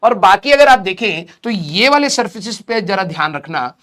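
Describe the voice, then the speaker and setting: A young man teaching a recorded physics lecture with a sore throat, speaking slowly, repeating key terms and asking questions he then answers himself, slipping English phrases into his talk. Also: high-pitched, big pitch swings, fairly bright tone. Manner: mixes English phrases into Hindi.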